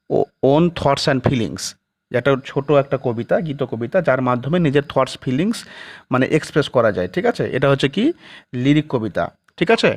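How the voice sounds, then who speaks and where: Teacher slowly explaining a poem to students. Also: male voice, on the high side. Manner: explains slowly, asks "ঠিক আছে?" after nearly every point; mixes English phrases into Bengali, reading English definitions very slowly. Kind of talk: classroom lecture.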